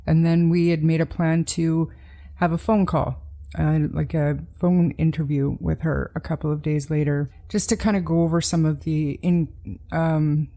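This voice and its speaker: A woman's voice: sits low, fairly even intonation, normal speed, hardly any pauses, dark tone. A woman hosting a true crime podcast, talking casually with frequent ums and restarts. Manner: hesitant, many ums and restarts. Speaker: podcast host.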